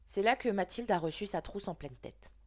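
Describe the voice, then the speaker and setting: Expressive woman reading a children's book. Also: medium pitch, normal speed. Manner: expressive storytelling. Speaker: reader.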